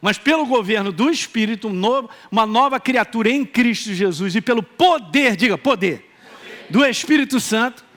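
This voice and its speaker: Male pastor, Minas Gerais accent, high and very expressive, animated sermon with humor. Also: normal speed. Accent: Minas Gerais Brazilian Portuguese. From Brazil, Minas Gerais. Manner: animated, joking, calls out for responses.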